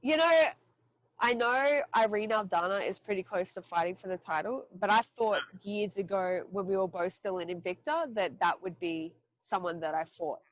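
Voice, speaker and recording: A woman's voice: medium pitch, normal speed, lo-fi sound. A woman in her thirties from Australia, a podcast guest chatting candidly and loosely, with swearing and laughing asides. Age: 30s. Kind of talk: casual interview chat.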